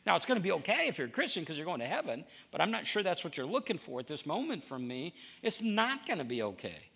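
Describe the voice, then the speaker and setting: A middle-aged man preaching a conversational sermon, his pitch leaping around as he tells stories and voices the people in them. His tone is bright and forward, with a gravelly edge at the ends of phrases. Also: huge pitch swings, fast. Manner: storytelling, acts out quoted dialogue, frequent restarts. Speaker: pastor.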